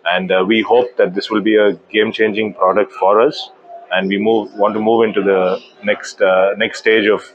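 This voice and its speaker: A man in his thirties, a company managing director, giving a trade-show business interview in a measured, hesitant way with many fillers. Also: fairly low pitch, level tone, highs cut off, a little hiss or hum. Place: indoor exhibition booth.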